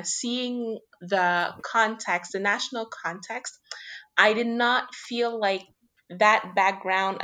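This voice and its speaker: A woman's voice: mid-range voice, fairly bright tone. A woman from Senegal, giving conversational answers as an interview guest. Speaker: guest, women's investment organisation member.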